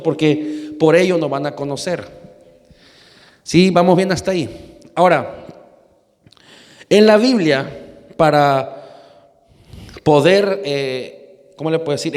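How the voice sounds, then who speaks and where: A man's voice: fairly high pitch, darkish tone, big-room sound. A man from Argentina, a pastor, giving a conversational sermon, often asking his congregation questions and hesitating with fillers.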